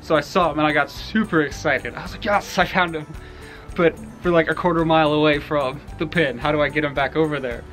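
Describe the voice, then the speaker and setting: A young man casually telling a story about his homestead, animated and laughing at times. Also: fairly high pitch, fast talker, few pauses, faint music behind. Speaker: homestead vlogger.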